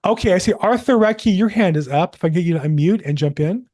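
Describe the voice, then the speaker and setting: A man with a fairly high voice coaches real estate agents on a group video call. He talks in an animated, encouraging way, dropping in self-deprecating jokes. The sound is that of a call microphone. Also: fast. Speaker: probate coach hosting a live call.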